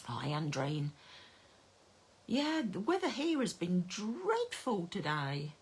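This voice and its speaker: A woman's voice: fairly low pitch, huge pitch swings, slow, husky. A middle-aged woman, chatting casually on a craft live stream and greeting viewers by name. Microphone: phone camera.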